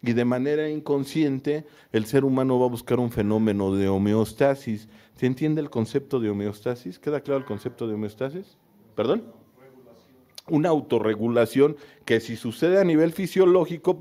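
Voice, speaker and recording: Animated Mexican man, mellow voice. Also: mid-range voice, normal speed. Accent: Mexican Spanish. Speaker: psychotherapist hosting a radio talk. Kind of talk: informal talk lecture on self-esteem.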